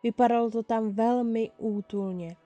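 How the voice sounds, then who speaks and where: A woman reading a fan story aloud in the first person, telling it in a lively way. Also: on the high side, faint music behind. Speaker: fan-fiction reader.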